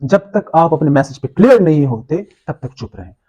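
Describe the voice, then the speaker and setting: High-voiced Pakistani man teaching a workshop. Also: lively intonation, a little fast, warm tone, slightly rough. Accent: Pakistani Urdu. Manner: checks in with the audience often; mixes English phrases into his talk. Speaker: workshop trainer. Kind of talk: workshop lecture.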